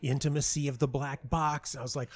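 A little fast with a level tone and medium pitch, an American man from North Carolina reflects casually on his story as an interview guest in a hotel lobby. The playwright and audio dramatist often cuts himself off and repeats words.

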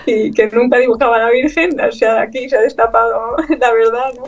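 A woman from Chile talks as an interview guest, her voice sitting a little high. She tells her story with feeling, piling up fillers and small laughs. She sits slightly back from the microphone. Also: brisk, recorded from a distance, highs cut off. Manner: emotional, animated storytelling with many fillers and laughs. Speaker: guest, illustrator. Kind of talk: conversational interview.

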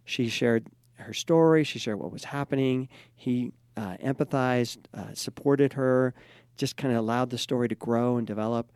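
A man who is a couples therapist and host, chatting casually and telling a client's story with lively acted-out quotes. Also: mid-range voice, normal speed, clean tone, no echo, studio quality.

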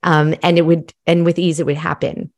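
A middle-aged woman from Malawi, a podcast guest, telling her own story in a casual, animated, self-reflective way. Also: low-pitched, normal speed.

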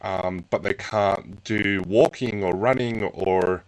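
Male podcast co-host who works with clients; very low voice; halting, thinks aloud with frequent "um". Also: low-quality recording. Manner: hesitant, many "um" pauses. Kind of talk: conversational podcast interview.

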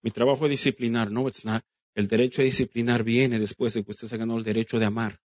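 A man's voice: medium pitch, flat delivery, quick pace, no echo. Preacher guy, emphatic sermon, acts out quotes, dry close sound. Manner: emphatic preaching, addresses the congregation directly, acts out quoted dialogue; drops English phrases into Spanish. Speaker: pastor.

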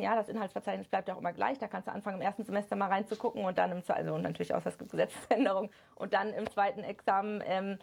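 Quick-talking woman with a gravelly voice. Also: mid-range voice. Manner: fast, animated explaining with many fillers. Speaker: podcast guest, study coach. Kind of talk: casual chat.

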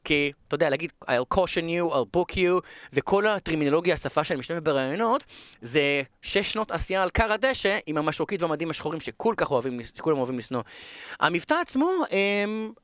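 A football broadcaster with an Israeli accent is interviewed in a casual podcast chat, speaking emphatically and repeating phrases for stress. His voice is on the high side with lively intonation, a bit bright, on a dry recording.

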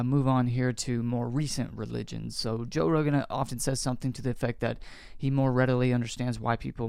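A man of middle pitch talks through an interview clip as the host of a commentary show. He argues his case earnestly and firmly. His voice is recorded close and dry, without any room echo. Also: a little mellow. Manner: earnest, argumentative.

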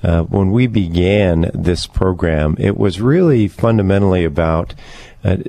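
A man hosting a radio interview in a studio, talking in a measured way with many fillers. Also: low voice, warm tone. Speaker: radio show host.

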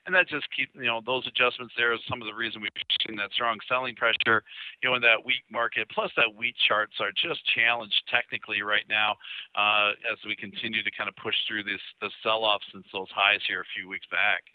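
A man, giving market commentary over a phone line, with steady talk and frequent fillers. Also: lowish voice, brisk, no echo. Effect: heard over a phone line. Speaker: market analyst guest. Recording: tinny dry phone line.

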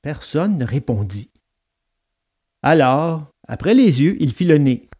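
A man narrating a children's storybook aloud in an expressive, dramatic read-aloud manner. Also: fairly high pitch, slow, slightly rough.

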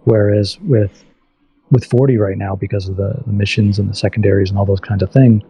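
A man's voice: on the low side, fairly even intonation, a little fast, dark tone, dull audio. A man chatting casually as a podcast guest, conversational and often restarting his thoughts. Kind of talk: casual chat.

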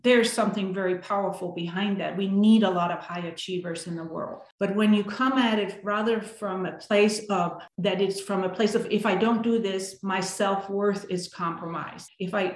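A woman from Denmark, a coach talking earnestly in a podcast conversation and often checking in with "right?". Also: mid-range voice. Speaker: guest, coach for high achievers. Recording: roomy, echoey sound.

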